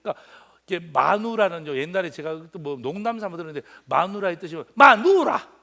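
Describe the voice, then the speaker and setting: A man in his fifties, a pastor preaching a sermon in a joking, animated way, swinging from loud exclamations to quiet asides. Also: on the high side, fast, vocal fry. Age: 50s.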